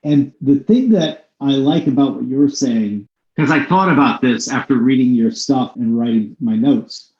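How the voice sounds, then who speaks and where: A podcast host with a mellow, darker voice, talking through ideas in long, winding stretches and leaning hard on points he cares about. He sounds a bit muffled in a room with plenty of echo. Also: medium pitch, lively intonation, unhurried. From United States. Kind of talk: conversational interview. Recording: echoey room, slightly dull sound.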